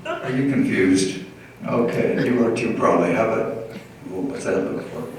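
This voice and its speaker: A man's voice: fairly low pitch, moderate pace, a little mellow. A man working as a stage hypnotist, delivering live show patter and teasing his volunteers and audience. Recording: echoey hall, distant mic, noisy.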